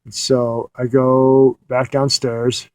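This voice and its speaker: A man's voice: mid-range voice, little pitch movement, slow, darkish tone, no echo. A man recounting a dream in a casual, meandering way, often restarting his sentences, sitting in a parked car at night. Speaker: audio diarist.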